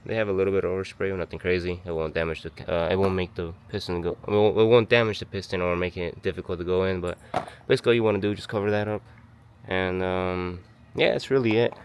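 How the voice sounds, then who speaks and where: Hosting his own car-repair channel from his home garage, a man who is sick and losing his voice explains a how-to in slangy, rambling fashion, often correcting himself. His voice is low-pitched and smooth.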